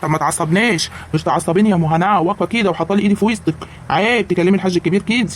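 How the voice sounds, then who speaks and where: A performer voicing an old village patriarch in an animated comedy, coaxing and flustered between two wives, in an Egyptian rural accent. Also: mid-range voice, very fast, a little hiss or hum, lightly acted.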